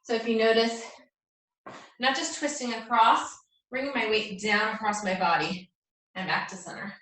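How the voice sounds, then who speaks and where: A woman's voice: a little high, steady tone, normal speed, a bit bright. A woman coaching a live workout class like a gym coach, cueing exercises and encouraging as she goes. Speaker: fitness instructor leading a circuit workout. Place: echoey indoor room, away from the mic. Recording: echoey room, distant mic, faint noise.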